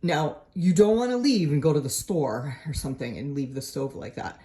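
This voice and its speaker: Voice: medium pitch, normal speed, mellow. Chatty New England woodstove vlogger. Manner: chatty and informal, with frequent tag questions. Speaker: home vlogger explaining a woodstove to a friend. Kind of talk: casual how-to explanation. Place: at home beside a woodstove, indoors.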